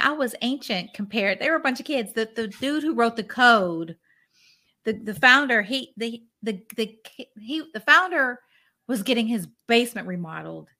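A woman's voice: medium pitch, bright, forceful tone. A woman in her forties co-hosting a casual podcast chat, reading from notes and rambling into anecdotes with many restarts. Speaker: podcast co-host.

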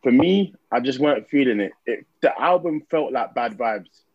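A man's voice: medium pitch, animated, moderate pace, lo-fi sound. A man with a London roadman accent hosting a casual podcast chat in slangy, laid-back talk. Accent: London roadman (urban slang). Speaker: podcast host.

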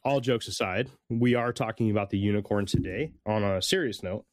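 A man's voice: lowish voice, fairly quick, no room sound, studio quality. A man hosting a podcast in a laid-back, informal way. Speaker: podcast host. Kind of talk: casual podcast banter with scripted intro narration.

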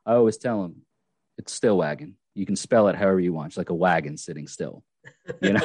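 Man, podcast host, casual rambling chat, low pitch, dry sound. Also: animated, brisk, darkish tone, slightly rough, no room sound. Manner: rambling, many fillers and restarts.

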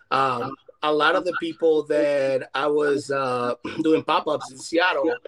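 Laid-back chef from Ecuador. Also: male voice, on the high side. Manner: laid-back, enthusiastic, many fillers. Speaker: chef guest. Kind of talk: casual interview chat.

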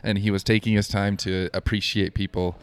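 American male podcast co-host, low pitched, voice wearing thin and a touch hoarse, chatting sports in an echoey room. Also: level tone, a little fast. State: voice giving out, slightly hoarse. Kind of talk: casual sports podcast chat.

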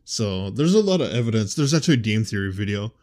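A man's voice: fairly low pitch, sing-song, fast, a little mellow. A man giving casual, rambling video game theory commentary, correcting himself as he goes and pronouncing th sounds as f. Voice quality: says th sounds as f. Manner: rambling, self-correcting, conversational. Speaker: host.

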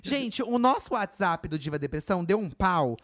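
A man co-hosting a podcast in casual chat, talking loud when he gets excited. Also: sits high, normal speed. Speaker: podcast co-host.

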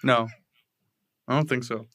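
A young man co-hosting a podcast among friends, rambling at an easy, laid-back pace and swearing freely. His voice sits at an ordinary middle pitch. The sound is dry and close, with no room echo. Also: fairly even intonation, a little slow, fairly bright tone. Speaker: podcast co-host. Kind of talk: casual chat.

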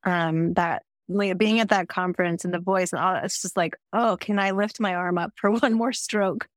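A woman's voice: fairly low pitch, steady tone, moderate pace, dry recording, clean studio sound. A woman hosting a podcast in a thoughtful, empathetic way, asking open questions. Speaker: podcast host. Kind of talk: conversational interview.

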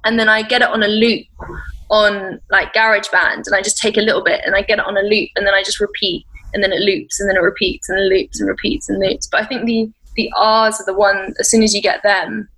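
A woman's voice: mid-range voice, level tone, fairly quick, a bit bright, rough recording. A young woman chatting as a podcast guest, rambling along with many fillers and restarts. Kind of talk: casual interview chat.

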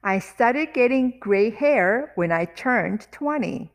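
A woman teaching vocabulary, saying each word slowly and deliberately, repeating words and sentences one piece at a time. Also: fairly high pitch, expressive. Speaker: language teacher. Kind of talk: vocabulary lesson with repetition.

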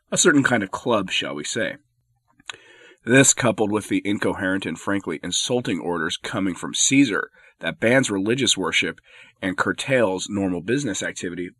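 He hosts his own spoken opinion commentary show, his fairly bright, low-side voice thickened by a head cold. Firm and argumentative, he sometimes turns sardonic; the recording is clean studio sound without any room tone.

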